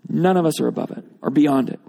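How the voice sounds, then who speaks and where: A man's voice: on the high side, fast, gravelly, warm tone, husky. A man preaching a sermon to a congregation, explaining scripture and building emphasis on repeated phrases. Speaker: pastor. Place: church or auditorium with congregation.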